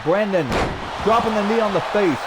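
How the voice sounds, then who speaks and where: A man calling a video game wrestling match play by play, energetic with shouted exclamations and a strained throat. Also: sits high, normal speed. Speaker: play-by-play commentator. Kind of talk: excited wrestling commentary over video game. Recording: loud game crowd and noise behind. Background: video game wrestling crowd.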